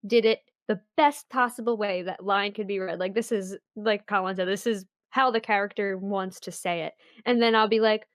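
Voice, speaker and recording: A woman's voice: mid-range voice, fairly even intonation, normal speed, hardly any pauses, dry recording, studio quality. A woman co-hosting a casual podcast, chatty with a lot of filler words. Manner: chatty, lots of likes. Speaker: podcast co-host.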